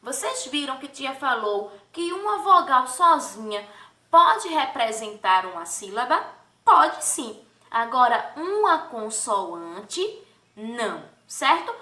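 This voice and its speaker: A woman teaching young children a lesson, drawing words out slowly and asking the class sing-song questions. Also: on the high side, very animated, pushed and bright. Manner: slow, drawn-out syllables for children. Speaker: primary school teacher. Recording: echoey room, distant from mic.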